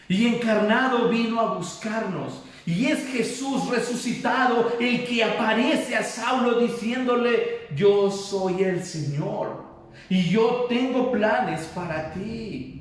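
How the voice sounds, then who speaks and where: Male pastor giving an emphatic sermon, higher-pitched voice, recorded from afar in a very reverberant room. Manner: emphatic preaching, repeatedly addressing the congregation. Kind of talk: Bible-study sermon. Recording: very echoey room, mic far off.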